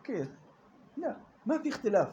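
A man with a Levantine Arabic accent teaching a Quran recitation class, explaining points in everyday speech and quizzing his students with quick questions. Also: extremely high pitch, very animated, mellow, muffled recording, a little hiss or hum. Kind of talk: classroom lesson.

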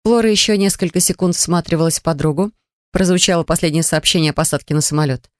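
A woman reading a novel aloud in an even storytelling manner. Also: fairly low pitch, fast talker, no room sound, clean studio sound. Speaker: audiobook narrator. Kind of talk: scripted narration.

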